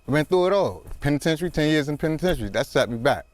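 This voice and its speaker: A man's voice: on the high side, animated, quick pace, slight background noise. A man in his fifties chatting casually as an audition contestant, answering in short, repeated, evasive phrases. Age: 50s. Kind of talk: casual chat.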